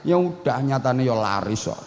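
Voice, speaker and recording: A man's voice: mid-range voice, expressive, moderate pace, long reverb tail. A man preaching a humorous sermon, blunt and joking, mixing in local dialect.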